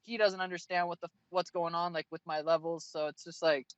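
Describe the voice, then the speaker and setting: Young male fighter, mid-twenties, casual and profane; voice a touch high, dry and muffled recording. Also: little pitch movement, fairly quick, fairly bright tone, dry recording. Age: 20s. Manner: blunt and profane. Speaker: fighter, interview guest. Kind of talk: casual interview answers.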